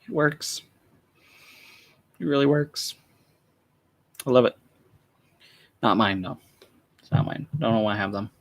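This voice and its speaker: A young male vlogger chats casually while unboxing something in a room at home lined with shelves, keeping his voice down. His gravelly, medium-pitched voice moves at a measured pace, and his laid-back rambling is full of fillers and frequent pauses.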